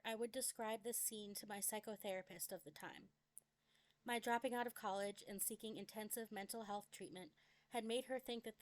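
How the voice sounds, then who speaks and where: A young adult woman with a medium-pitched voice reads her own memoir as a scripted dramatic narration. Her delivery is deliberate and expressive.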